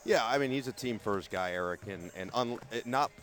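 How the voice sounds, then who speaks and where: A man's voice: medium pitch, fairly quick, fairly bright tone. A man, a sports broadcaster, giving fluent, chatty answers as an interview guest. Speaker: radio play-by-play broadcaster, guest.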